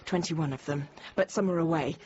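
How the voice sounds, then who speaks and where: Sitting low and close to her everyday voice, a woman in her 30s performs an anxious first-person radio drama monologue as a frightened young Parisian nursery teacher, calmly recounting a siege. She narrates intimately in halting, fragmented phrases that frequently drop to a hush, in a dull, noisy recording.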